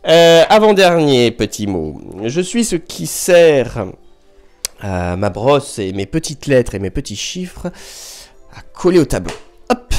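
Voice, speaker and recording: Man, primary teacher, video lesson for young children, unhurried, careful syllables, countdowns, faint background music. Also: fairly high pitch, darkish tone. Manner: slow, clear, sounds out syllables and counts down. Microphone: microphone in front of a camera.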